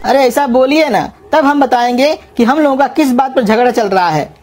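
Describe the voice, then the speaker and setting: A woman voicing a scheming young man who coaxes and flatters to get free food in a comedy cartoon. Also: high-pitched, moderate pace, close to an everyday voice. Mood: persuasive. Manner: coaxing, flattering, persuasive. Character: scheming young man, sweet-talking and crafty. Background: music.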